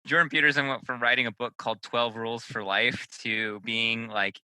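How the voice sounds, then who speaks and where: A man's voice: mid-range voice, steady tone, normal speed, pushed and bright, clear, resonant tone, no echo, low-quality recording. A man co-hosting a casual podcast, rambling and swearing freely with lots of filler words. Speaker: podcast co-host.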